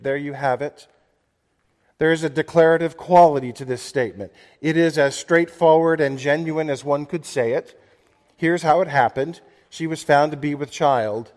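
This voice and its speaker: A man delivering a sermon as pastor, earnest and measured, slowing down to stress key words and reading scripture aloud. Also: medium pitch. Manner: earnest, measured preaching with slowed emphasis and quoted scripture. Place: church. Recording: long church reverb.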